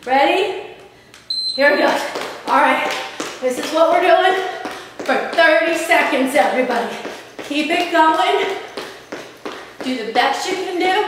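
A woman's voice: extremely high pitch, background noise. A woman fitness instructor leading a home workout, counting reps and cueing moves in an upbeat, encouraging way. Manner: upbeat, encouraging, urging listeners on. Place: room in own house. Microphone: camera at a distance, self-filmed. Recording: echoey room, long reverb.

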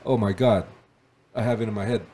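A man with a fairly low voice talks casually as a podcast co-host. He halts, repeats himself and fills the gaps with "uh" and "like," laughing often. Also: steady tone, a crowd in the background. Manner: halting, many fillers and restarts, laughs often.

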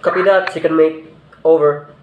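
Brief: young male student as a ship's officer on marine radio. Clipped, formal calls, slightly high voice, echoey room, noisy. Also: fairly even intonation, moderate pace, phone-quality sound. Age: young adult. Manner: formal clipped radio phrasing, ending turns with "over". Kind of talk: marine radio call procedure roleplay. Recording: echoey room with loud noise.

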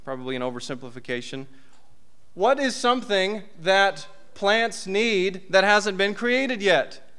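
Guy in his 30s giving a chatty sermon, high bright clear voice, podium mic. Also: unhurried. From United States. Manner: conversational, lively preaching with asides and rhetorical questions. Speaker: preacher. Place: church hall.

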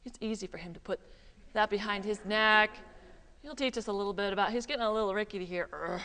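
A woman leading a live children's yoga class in a library, coaxing and animated, with Spanish words sprinkled in. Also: medium pitch, quick pace, clean tone, in a large hall. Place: public library room, live audience.

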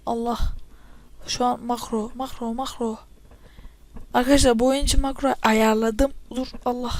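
A woman casually commentating her own gameplay into a headset mic, excitable and often breaking into loud yells. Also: a little high, no echo. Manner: excitable, bursts into loud yelling at setbacks. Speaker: gamer commentating own play. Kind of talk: casual let's-play commentary. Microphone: spare headset mic.

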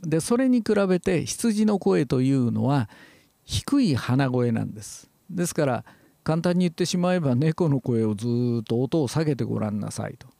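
A man giving a calm, measured lecture on voice training, explaining step by step with frequent hesitation fillers. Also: mid-range voice, vocal fry, no room sound, clean studio sound.

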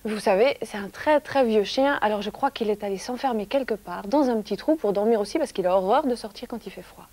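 A woman voicing a calm young farm girl. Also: mid-range voice, a little fast, hardly any pauses, natural voice. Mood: gentle. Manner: gentle and unafraid.

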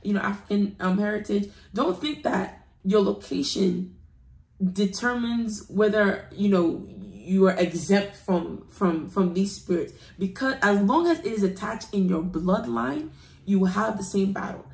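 A woman's voice: medium pitch, measured pace, vocal fry, a little mellow. A woman from the United Kingdom giving an earnest personal testimony, urging listeners with a preaching emphasis. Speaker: testimony guest. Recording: roomy echo.

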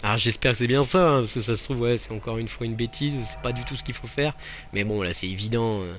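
A man's voice: mid-range voice, fast, slight background noise. A man giving casual let's play commentary, mocking himself and exclaiming at each failed attempt. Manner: self-mocking, exclaims and laughs at his own failures. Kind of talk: gameplay commentary.

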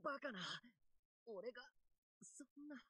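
A proud, hot-blooded young fire warrior from an anime game. The voice is bright and forceful, swinging hugely in pitch. The delivery is theatrical and boastful, with slow, deliberate knightly phrasing. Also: female voice, huge pitch swings, dry recording, studio quality, full character voice. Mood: fiery, dramatic. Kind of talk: anime mobile game character lines.

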